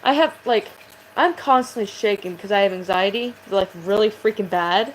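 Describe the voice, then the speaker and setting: A woman's voice: medium pitch, normal speed, a little hiss or hum, poor audio. A woman vlogger chatting casually to camera, rambling and swearing, with a voice that sounds aggressive.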